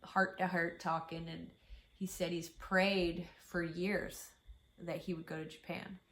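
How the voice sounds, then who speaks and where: Middle aged woman vlogging, kinda low voice, heartfelt and emotional, stop-start talking, some room noise behind her. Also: level tone, a bit bright. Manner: emotional, halting, candid about her feelings. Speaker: mother and family vlogger. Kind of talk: casual, heartfelt vlog chat.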